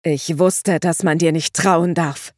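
A woman's voice: low-pitched, steady tone, slow, dry recording, studio quality. A woman reading an audiobook, voicing a desperate male warrior who speaks urgently and accusingly. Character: desperate male warrior, angry then shaken.

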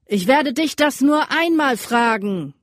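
A woman voicing a cruel, commanding male captain on horseback who barks orders slowly and loudly. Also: sits high, animated, dry recording, studio quality, voice pushed up, exaggerated voice. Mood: menacing. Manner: barking orders, slow and loud.

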